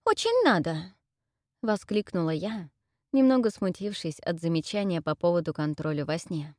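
A woman narrating a first-person story in an audiobook, with lively, wry storytelling. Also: fairly low pitch, normal speed, no echo, studio quality.

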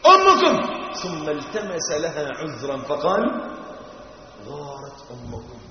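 A man with an Egyptian Arabic accent giving a mosque lesson, animated and swinging from hushed to loud. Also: fairly high pitch, moderate pace, slight background noise. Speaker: preacher. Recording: echoey hall, lo-fi audio.

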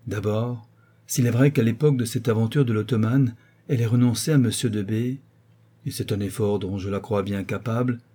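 A man's voice: fairly low pitch, fairly even intonation, moderate pace, mellow, slightly rough. A man reading a classic novel aloud, voicing a skeptical worldly friend who reasons dryly. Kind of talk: audiobook character reading.

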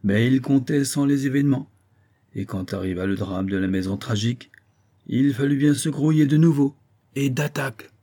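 A man reading a novel aloud as an audiobook narrator, steady and expressive. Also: medium pitch, moderate pace. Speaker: audiobook reader. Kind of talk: scripted narration.

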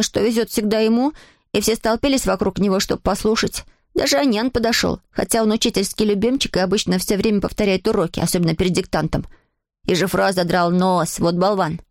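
A woman's voice: medium pitch, no room sound. Lady reading a kids storybook, playful, dry close sound.

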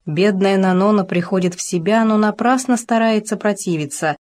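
A woman narrating an audiobook in an expressive, dramatic reading style. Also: medium pitch, moderate pace.

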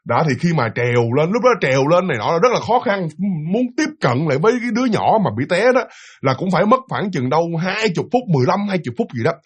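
A young man telling a ghost story in a casual, lively way, often repeating words and talking straight to his listeners. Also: high-pitched, quick pace, husky. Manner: lively, repetitive, addresses listeners directly.

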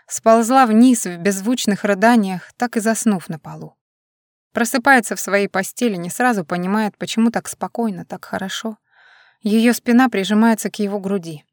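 A woman's voice: mid-range voice, dry recording, clean studio sound. A woman narrating an audiobook in a dramatic, emotional way. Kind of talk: scripted narration.

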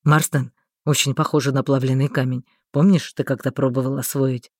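A woman's voice: very deep voice, level tone, normal speed, darkish tone, no room sound, voice pushed down. A woman doing a stern, commanding male mage. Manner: curt, barking orders.

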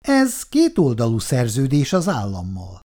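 Man reading a calm, firm older official. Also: medium pitch. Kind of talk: audiobook reading of a novel.

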